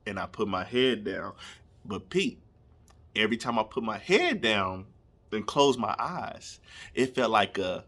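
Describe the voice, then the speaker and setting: A man's voice: fairly low pitch, animated, a little slow, a bit bright. A young man, telling a comedic story casually and animatedly, laughing and acting out scenes. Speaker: storyteller vlogger.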